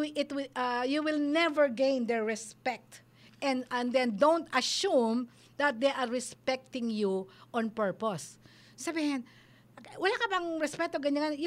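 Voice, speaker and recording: High-voiced Filipino woman giving advice. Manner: mixes Tagalog and English, acts out quoted voices. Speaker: radio advice host. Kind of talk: parenting advice talk on radio.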